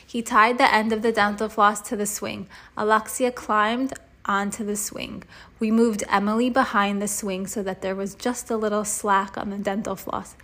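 A woman reading a children's chapter book aloud in a lively way, stopping to explain words to a child. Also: medium pitch, moderate pace. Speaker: storybook reader.

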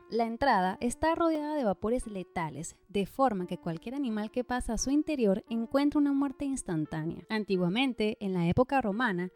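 A woman's voice: fairly high pitch, dark tone. A woman hosting a podcast, giving a scripted narration and speaking to her listeners affectionately. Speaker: podcast host.

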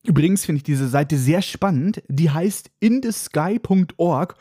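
A man's voice: on the high side, lively intonation, a little slow, mellow, slightly rough, no echo, studio quality. A man hosting a casual book podcast, recapping chapters with sarcastic, irreverent asides. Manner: sarcastic, irreverent, mock-dramatic. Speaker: podcast host.

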